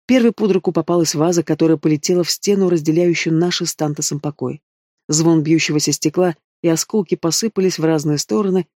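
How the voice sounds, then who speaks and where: A man reading a fantasy romance audiobook in first person, in an even, expressive way. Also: on the high side, no room sound, clean studio sound. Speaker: audiobook reader. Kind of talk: first-person novel narration.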